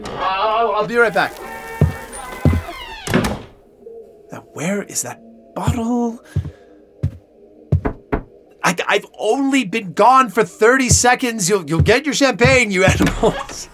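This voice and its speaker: An actor playing a flamboyant, evasive stage magician who laughs often, in an audio drama. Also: male voice, sits high, very animated, measured pace, over music. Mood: gleeful.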